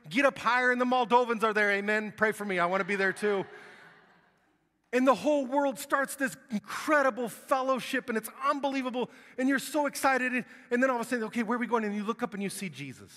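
A man preaching a sermon as a guest speaker, telling a vivid story that moves between hushed and loud. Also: very high-pitched, lively intonation, a little fast. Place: church sanctuary. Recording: long hall reverb.

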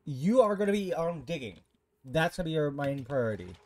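A man's voice: fairly high pitch, very animated, brisk, darkish tone. A man giving casual gameplay commentary, talking to himself and scolding his in-game characters, frantic and exasperated, now and then swearing. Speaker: gaming streamer.

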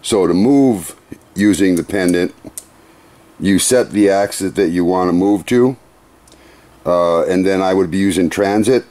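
In a workshop next to a CNC router, a middle-aged man with a very low, dark voice demonstrates the machine hands-on. He explains each button unhurriedly and methodically, speaking plainly with a few small restarts.

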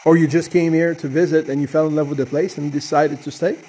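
Mellow higher-voiced man asking spirits questions. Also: flat delivery. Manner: halting, pausing between short questions. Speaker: paranormal investigator leading a spirit box session. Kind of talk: casual questioning addressed to spirits. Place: inside a large underground cave. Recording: noisy handheld cave recording.

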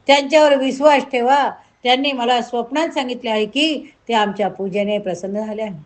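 A woman voicing young boy Krishna, gentle. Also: fairly high pitch, fairly quick, lightly acted. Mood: reassuring. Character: young boy god Krishna, calm and reassuring.

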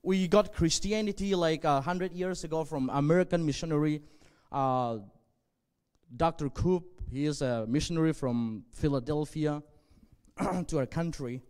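A man in his forties from northwest Burma, a native Zomi speaker, preaching a sermon in an earnest, measured way with frequent pauses, speaking into a handheld mic on a church stage. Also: a little high, a little mellow, clear, resonant tone. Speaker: pastor. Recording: long hall reverb.

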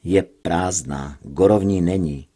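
A man with a husky voice voicing a tense male pilot who reports distances in clipped sentences. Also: sits low, warm tone, pitched below the performer's own voice. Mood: reporting.

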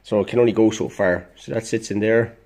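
A man's voice: fairly low pitch, steady tone, a little fast, a little mellow. A congested man in an indoor workshop, casually explaining a DIY fix at his workbench in a blunt, plain-spoken way with the odd swear. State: congested, dosed up with illness. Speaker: DIY vlogger.

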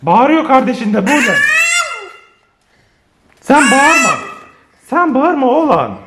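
A man filming a playful family vlog, teasing the kids and chatting to viewers in an animated way. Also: very high-pitched, a little slow, very noisy. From Turkey. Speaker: family vlogger.

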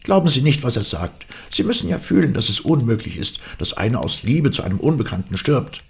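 A man's voice: medium pitch, sing-song, brisk, gravelly, a little mellow, slight background noise, voice pushed up. A man reading an audiobook aloud, voicing a stern older housekeeper who scolds sharply. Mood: indignant.

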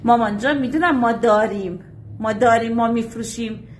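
A woman's voice: fairly high pitch, slight background noise, lightly acted. Woman playing a coaxing, doting mother on the phone. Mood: patient, explaining. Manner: coaxing, patient, as if explaining to a small child. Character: doting, coaxing mother of a childish grown son. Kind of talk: satirical one-sided phone call sketch. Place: small indoor room.

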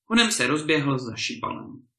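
A man reads a fairy tale aloud with lively, expressive storytelling. His voice is bright and gravelly. The recording has a clear room echo. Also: mid-range voice. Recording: echoey room.

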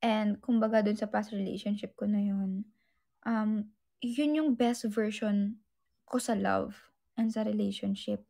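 A woman's voice: mid-range voice, steady tone, measured pace, creaky, warm tone. A young woman in casual chat, candidly sharing relationship advice with her viewers and switching freely between Tagalog and English. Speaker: vlogger answering viewer questions.

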